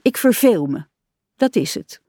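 A woman's voice: mid-range voice, very animated, unhurried, warm tone, no room sound, clean studio sound. A woman reading aloud and voicing a bored, sulky young male frog in a storybook. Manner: listless and sulky.

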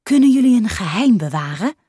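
A woman voicing a patient female kindergarten teacher in a storybook reading, speaking gently and coaxingly. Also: fairly high pitch, big pitch swings, fairly quick, slightly rough, no room sound, clean studio sound.

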